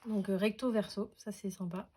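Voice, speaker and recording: A woman's voice: mid-range voice, level tone, moderate pace, background noise. A woman chatting casually through a craft unboxing, hesitant, with many fillers and restarts. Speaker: craft vlogger.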